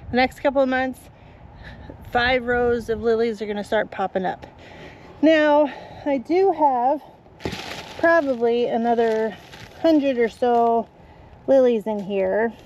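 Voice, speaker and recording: A woman's voice: on the high side, a little mellow, dull audio, a little hiss or hum. A woman flower farmer, chatty, explaining step by step outdoors in her garden. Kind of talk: casual gardening tutorial.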